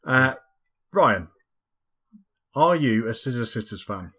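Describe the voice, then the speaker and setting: A man's voice: medium pitch, animated, slow pace, sharp tone, breathy edge. A man hosting a casual football podcast, dry and teasing, often laughing. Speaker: podcast host. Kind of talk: casual chat.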